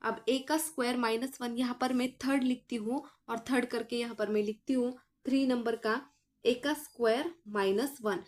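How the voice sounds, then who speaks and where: A woman's voice: on the high side, fairly even intonation, moderate pace, a little mellow. Woman explaining a math lesson. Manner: explains aloud, asks the class questions and answers them herself; addresses students as children. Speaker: math teacher.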